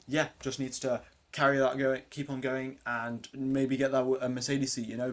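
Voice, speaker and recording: Hosting a laid-back race watchalong on a live stream, this teenage boy sounds deeper than you'd expect for his age. He answers questions from chat in a rambling way, full of ums and uhs.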